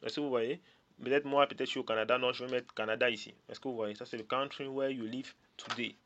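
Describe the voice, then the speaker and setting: A man from Cameroon, walking viewers step by step through an online form, reading English labels aloud and pausing on fillers. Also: mid-range voice, fairly even intonation, fairly bright tone, dull audio. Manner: hesitant, many "euh" fillers, repeats points. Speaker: tutorial presenter. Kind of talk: screen-share walkthrough of an online form.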